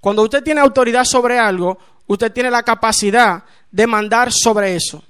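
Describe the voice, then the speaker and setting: A man's voice: very high voice, normal speed, a bit bright, clear, resonant tone. A man preaching a fervent sermon in a church, breaking into praise interjections and acting out dialogue. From Dominican Republic.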